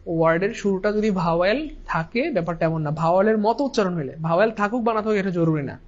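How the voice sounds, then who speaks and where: A man's voice: sits high, animated, fast. A man teaches an English grammar lesson, repeating his points and asking and answering his own questions. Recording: dull lo-fi sound.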